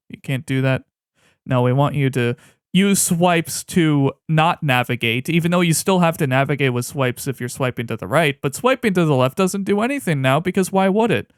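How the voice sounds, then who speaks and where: A man with a fairly high, smooth and clear voice, ranting off the cuff on a podcast. His delivery is sarcastic and exasperated, and the sound is close and dry. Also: dry recording. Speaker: podcast host. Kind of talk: improvised rant.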